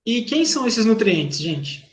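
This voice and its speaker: A man's voice: high-pitched, sing-song, a little slow. A man with a Brazilian Portuguese accent teaching an online class, speaking informally and checking in with his students. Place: home, video call. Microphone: computer mic on video call. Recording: echoey room, noisy call audio.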